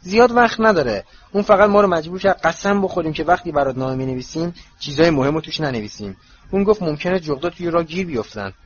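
A man voicing a blunt, excitable teenage boy in a storybook reading, in a slightly muffled recording with faint hiss. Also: fairly high pitch, husky, pitched above the performer's own voice. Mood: defensive. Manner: blurting, defensive.

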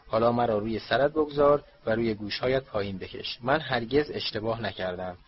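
A man's voice: mid-range voice, close to an everyday voice. A man voicing an old magical talking hat as it recites its song in a storybook reading, on a dull lo-fi recording. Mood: proud recital.

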